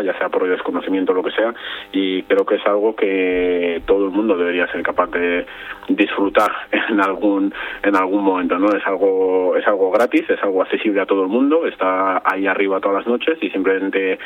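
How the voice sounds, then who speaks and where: A young man Madrid, a photographer answering radio interview questions, thoughtful and searching for his words with many restarts. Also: sits low. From Madrid, Spain. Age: young adult. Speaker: photographer guest. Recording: tinny phone line.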